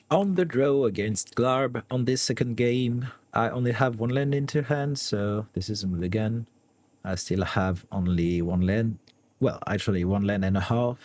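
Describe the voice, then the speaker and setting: A man's voice: medium pitch, a little mellow. A young man with a French accent, a card game streamer thinking aloud through his plays, weighing options and often laughing. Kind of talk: thinking aloud while playing online.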